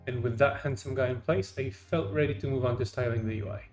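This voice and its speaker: A young man narrates a game devlog with a dry, self-deprecating humor at a middle pitch. The voice sits in a roomy, echoey space. Faint music plays under him. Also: fast talker, darkish tone. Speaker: game developer and channel host. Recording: roomy echo.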